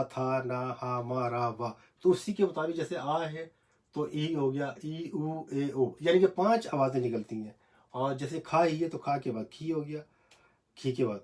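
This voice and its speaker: Husky guy recording a phone lesson in a tiny room, lots of uh's, slowly sounding out syllables. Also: a little high, darkish tone. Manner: hesitant, many fillers, repeats syllables slowly. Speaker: Japanese language teacher. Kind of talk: casual home video lesson. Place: small cramped room at home.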